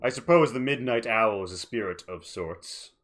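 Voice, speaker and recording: A man's voice: fairly low pitch, expressive, normal speed, a bit bright. A man playing a haughty, suspicious old bearded guardian of the woods in a tabletop game, speaking formally and accusingly. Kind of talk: tabletop role-play in character.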